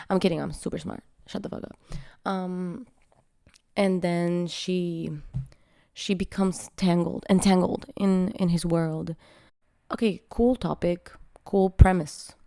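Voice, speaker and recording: A woman talks straight into the camera with a voice worn down by illness. Her tone sits low and mellow, and the sound is close and dry. She is blunt and frank, swears freely and pokes fun at herself. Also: fairly even intonation, takes it slowly, vocal fry, no room sound. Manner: frank, frustrated, self-mocking. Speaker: vlogger reviewing a film. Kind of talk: casual opinion vlog.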